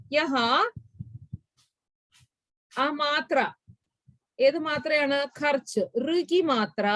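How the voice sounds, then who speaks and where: Woman, Malayali accent, school teacher, higher voice, dry close sound, repeats and sounds out syllables. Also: dry recording, low-quality recording. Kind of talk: online class explanation.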